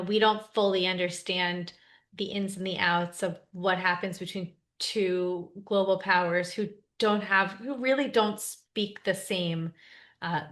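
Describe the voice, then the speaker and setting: A woman's voice: lowish voice, a bit bright. Woman musing aloud in casual talk. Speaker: podcast co-host. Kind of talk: casual discussion.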